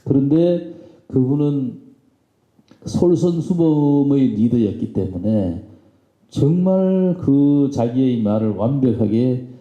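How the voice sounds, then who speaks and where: A man's voice: medium pitch, takes it slowly. A man giving a public lecture as a visiting author, telling anecdotes in a folksy way and acting out quoted lines. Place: lecture hall. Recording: roomy hall, dull lo-fi sound.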